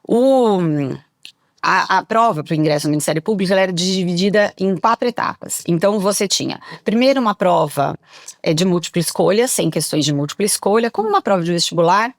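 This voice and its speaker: Loud-spoken middle-aged woman, dry sound. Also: on the low side, a little fast, no room sound. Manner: talks very loudly; lively anecdotal telling. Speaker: guest, public prosecutor. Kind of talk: podcast interview storytelling. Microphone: studio mic.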